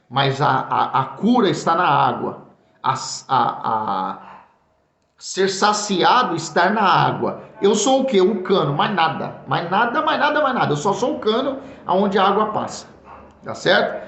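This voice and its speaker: Earnest high-voiced Brazilian preacher, echoey. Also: male voice. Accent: Brazilian Portuguese, São Paulo. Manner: earnest, repeats words, many fillers and restarts, addresses listener as brother. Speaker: pastor, Bible teacher. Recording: echoey room, dull lo-fi sound.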